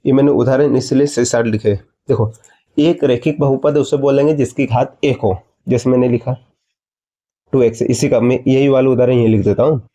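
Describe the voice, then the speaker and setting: A man's voice: mid-range voice, steady tone, normal speed, warm tone, muffled recording. A man teaching a maths lesson, explaining step by step and asking his students questions before answering them himself. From India.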